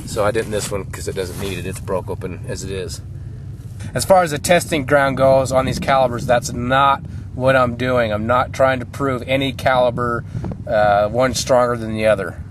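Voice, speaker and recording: Excited man chatting to camera outdoors. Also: medium pitch, background noise. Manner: enthusiastic, chatty, with frequent pauses. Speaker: video host. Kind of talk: casual running commentary to camera. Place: outdoor shooting spot.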